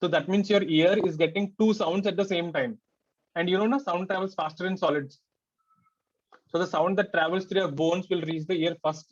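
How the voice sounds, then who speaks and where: A man's voice: high voice, muffled recording. A man teaching a class, explaining things conversationally and peppering students with rhetorical questions.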